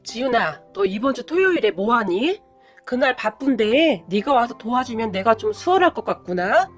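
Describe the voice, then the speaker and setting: Brief: a condescending middle-aged would-be mother-in-law who nags and demands, put on by a female narrator; high, animated. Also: moderate pace, soft background music. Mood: coaxing. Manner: condescending, nagging.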